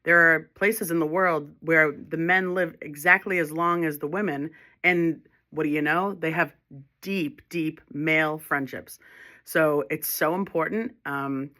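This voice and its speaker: A woman's voice: deep voice, steady tone, a little slow, sharp tone. A woman speaking as a holistic life coach in a reflective self-help monologue, earnest and encouraging, often restarting her phrases.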